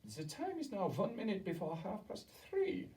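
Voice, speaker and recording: A narrator voicing the female leader of the witches, a cruel and imperious figure with a shrill, shrieking manner, in an audiobook reading. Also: wildly swooping pitch, moderate pace, a little mellow, recorded from a distance. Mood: gloating.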